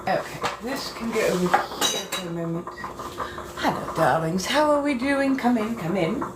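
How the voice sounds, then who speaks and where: A woman streams live from her bathroom while getting ready, her mid-range voice at normal speed. Her chat is flirty and dramatic, and she calls viewers darling. Background noise can be clearly heard.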